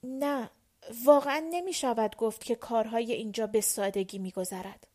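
A woman voicing a frightened young woman in a storybook reading, speaking in a soft, hesitant murmur. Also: fairly high pitch, lightly acted. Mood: timid.

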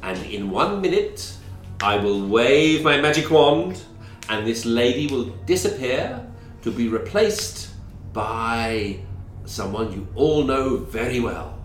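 A man's voice: mid-range voice, lively intonation, slow. Man playing a stage magician, muffled through a wall, grandiose patter, bumbling showman, roomy echo, faint music. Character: bumbling male stage magician, showy and nervous. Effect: muffled, as heard from inside a cabinet. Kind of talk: tabletop game voice acting.

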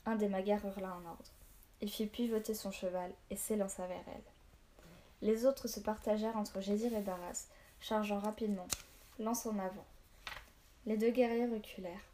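A woman reads an adventure novel aloud with a mellow, warm tone at a middle pitch. Her delivery is steady and storytelling, with small slips she goes back to correct. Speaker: narrator.

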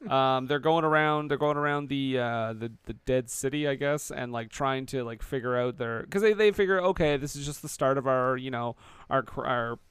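A man's voice: medium pitch, normal speed, fairly bright tone, clear, resonant tone, dry recording. A man casually recapping a movie on a podcast, joking and acting out the characters' lines. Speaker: podcast host. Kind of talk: casual movie-review chat.

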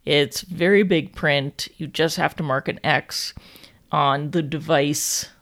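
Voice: mid-range voice, fairly even intonation, takes it slowly, a bit bright. A podcast co-host, explaining things in casual chat with many restarts. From Canada.

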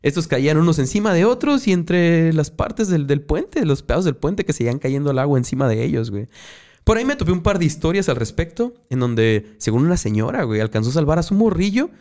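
A man's voice: a little high, big pitch swings, brisk, a little mellow. A man with a Mexican accent telling a story as a podcast host in casual, slangy talk full of swearing.

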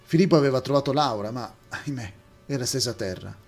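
A man's voice: mid-range voice, quick pace, soft background music. Man reading a story aloud. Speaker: narrator. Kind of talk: storybook narration.

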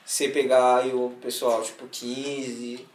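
A man's voice: medium pitch, flat delivery, takes it slowly. Slangy Brazilian man, roomy sound. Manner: slangy, keeps saying "mano" and "bagulho". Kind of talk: casual chat. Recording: roomy, distant mic, faint noise.

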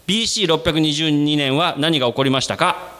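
A man preaching a sermon to his congregation, speaking to them directly. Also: fairly quick. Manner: animated, addresses the congregation directly; acts out quoted voices with sudden jumps in pitch. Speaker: pastor.

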